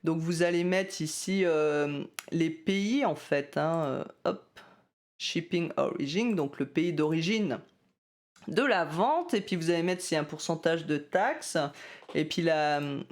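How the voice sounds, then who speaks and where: A man walking through a music-selling site's settings in a casual screen-recorded tutorial, talking loosely with lots of hesitations and self-deprecating asides. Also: a little high.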